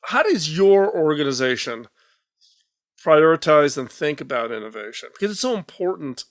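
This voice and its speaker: Male host, somewhat high-pitched, lively conversational interviewer with frequent restarts. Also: moderate pace. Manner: animated, repeats words when starting sentences. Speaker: podcast host. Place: trade show floor.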